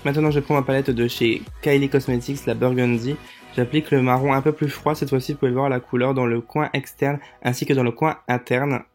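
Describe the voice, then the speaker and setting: A tired man talks casually through a makeup tutorial, voice of middle height. He stumbles over words and corrects himself as he goes. Soft music plays faintly behind him. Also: mid-range voice, fairly even intonation, a little fast. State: tired late at night. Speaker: makeup vlogger.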